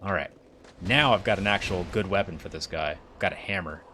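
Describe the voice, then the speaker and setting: A man's voice: deep voice, fairly quick, sharp tone, slight background noise. A man streaming a video game, chatting casually and rambling upbeat about what he is playing. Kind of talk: casual gameplay commentary.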